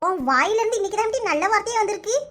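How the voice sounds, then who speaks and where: A level-headed village neighbour from a cartoon, voiced by a woman, in a very high voice with a Kanyakumari accent. She gives firm, calm advice. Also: very fast. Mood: counselling. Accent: Kanyakumari Tamil. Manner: firm, counselling. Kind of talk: cartoon voice acting.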